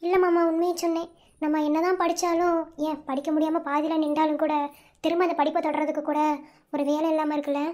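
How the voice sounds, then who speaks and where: A woman voicing a high village wife with a Madurai accent. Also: level tone, fast, darkish tone, natural voice. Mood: earnest. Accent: Madurai Tamil. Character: young village wife, emotional and teasing. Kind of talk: cartoon voice acting.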